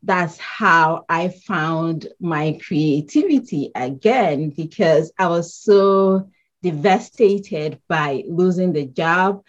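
A woman from Ghana, answering interview questions in a measured, thoughtful way and pausing with ums. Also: on the low side, dull audio. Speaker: guest artist.

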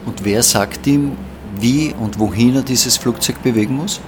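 A man's voice: medium pitch, moderate pace, noisy background. A man asking questions as a podcast host. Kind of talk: interview questions.

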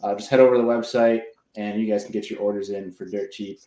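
A man's voice: lowish voice, steady tone, fast talker, dark tone. Roomy-sounding man hosting a casual podcast. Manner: informal, buddy-like address. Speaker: podcast host.

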